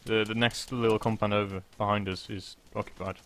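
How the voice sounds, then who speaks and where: A blunt, sweary man with a fairly low voice talks quickly to his squad mates. It is casual chatter from an online military game. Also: little pitch movement, a bit bright.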